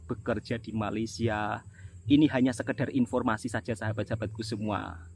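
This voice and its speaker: A man's voice: mid-range voice, a little hiss or hum. A middle-aged man from Indonesia, a migrant laborer and vlogger, talking earnestly to his viewers and often calling them his friends. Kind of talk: casual monologue to viewers.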